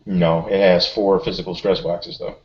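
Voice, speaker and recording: A man with a deep voice talks casually as a tabletop game player. He explains things deliberately, and the sound is dull and lo-fi. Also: fairly even intonation, a little mellow.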